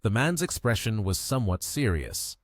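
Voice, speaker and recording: Low-voiced man narrating a comic recap. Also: sing-song, normal speed, no room sound, studio quality.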